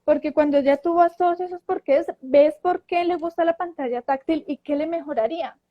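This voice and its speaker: A woman telling a story in casual talk, animated and acting out quoted voices, with frequent restarts. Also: high-pitched, normal speed. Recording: dull lo-fi audio.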